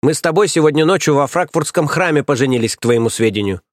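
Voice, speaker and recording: A coarse, scheming stout nursemaid woman, as a male reader puts her on, scolding and sneering in a pitched-up, shrill voice. The sound is dry and close, with no room around it. She is bossy and contemptuous throughout. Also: lively intonation, quick pace, no echo, lightly acted. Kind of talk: audiobook character voice.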